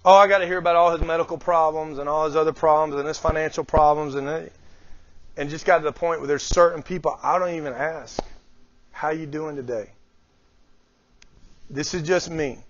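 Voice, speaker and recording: Lively middle-aged man giving a talk. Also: on the high side, quick pace. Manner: lively, questions the audience often. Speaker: guest speaker. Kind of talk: motivational leadership talk. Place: small room before a live group. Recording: dull lo-fi, dry sound.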